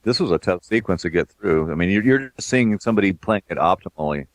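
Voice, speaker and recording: A man giving relaxed commentary as a game developer, reminiscing about making the game. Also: low-pitched, fast talker, no echo. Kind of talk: casual commentary.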